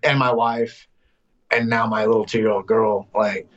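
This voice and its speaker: A man in his thirties, a songwriter guest, telling casual, animated stories in an interview. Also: fairly low pitch, muffled recording. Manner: animated, loose storyteller, slips into quick voices.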